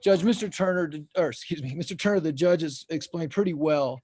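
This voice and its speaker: A man's voice: on the high side, brisk, a little mellow. A man acting as defense attorney in a virtual hearing, speaking formally, carefully and with deference. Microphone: video call.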